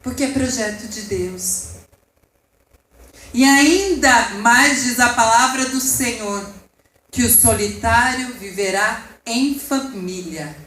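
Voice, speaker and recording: In a reverberant church hall, a woman speaks slowly in a slightly high, somewhat bright voice, her Brazilian Portuguese accent clear as she delivers an impassioned sermon. She rises and falls and turns aside to address the congregation, captured on a rough recording with slight background noise.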